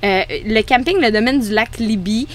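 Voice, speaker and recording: A woman's voice: a little high, moderate pace, a little hiss or hum. A woman from Saguenay with a Quebec French accent, co-hosting a podcast and chatting enthusiastically about road-trip spots, laughing often. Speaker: podcast co-host. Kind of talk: casual chat recommending road trips. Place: on a pontoon boat.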